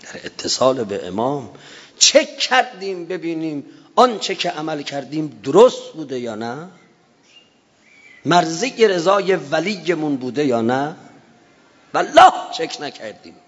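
A man preaching a religious sermon with impassioned emphasis, swelling to drawn-out chanted phrases. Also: a little high, sing-song, a bit bright. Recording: dull lo-fi recording in a reverberant hall.

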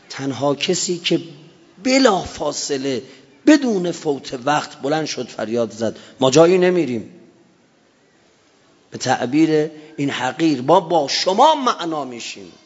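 A man preaching a religious sermon with impassioned emphasis, swelling to drawn-out chanted phrases. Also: mid-range voice, slightly rough. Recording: dull lo-fi recording in a reverberant hall.

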